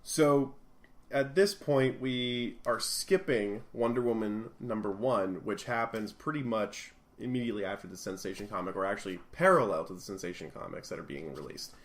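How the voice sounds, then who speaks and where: A man's voice: fairly low pitch, moderate pace. Man animatedly recapping comic plots. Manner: animated retelling, acts out characters' lines. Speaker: podcast co-host. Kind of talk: casual comic book recap.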